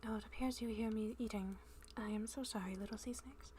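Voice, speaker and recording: A woman voicing a prim, formal young woman who loves tea, speaking in a soft whisper with polite, formal wording. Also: on the high side, steady tone, fairly quick, a little hiss or hum, lightly acted. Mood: amused.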